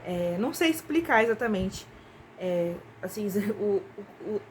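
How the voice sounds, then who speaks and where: A woman's voice: mid-range voice, animated, unhurried, slight background noise. A young Brazilian woman talking casually and intimately to her viewers, often hesitating and repeating words. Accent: Brazilian Portuguese. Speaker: vlogger. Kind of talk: casual confessional chat to viewers.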